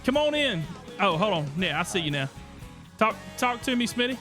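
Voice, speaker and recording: Upbeat male podcast host, high bright voice. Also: normal speed, soft background music. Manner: energetic, reads chat aloud. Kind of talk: casual livestream chat.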